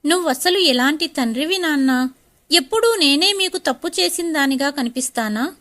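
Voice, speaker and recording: A woman's voice: sits high, animated, normal speed, fairly bright tone. A woman voicing a stubborn, hurt young wife in a story, pleading with a raised voice. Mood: upset.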